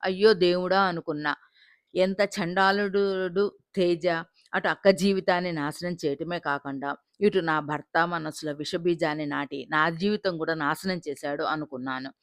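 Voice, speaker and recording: A woman's voice: low voice, steady tone, moderate pace, no room sound, clean studio sound. Dramatic woman narrating an audio story. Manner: dramatic, emotional first-person telling.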